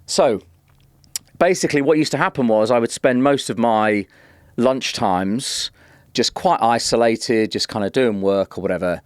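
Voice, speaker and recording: A man in his forties from Northeast England, a guest telling long, animated stories in casual chat. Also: medium pitch, unhurried, clear, resonant tone, no echo, studio quality. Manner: animated, rambling anecdotes with many restarts. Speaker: guest, drum and bass producer. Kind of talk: casual storytelling. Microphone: podcast studio mic.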